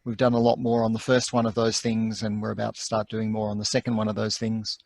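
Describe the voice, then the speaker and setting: A man introducing himself in an online meeting, measured with hesitant fillers and dry humor. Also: on the low side, completely flat delivery, vocal fry, darkish tone, no room sound. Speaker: research infrastructure manager. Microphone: video call.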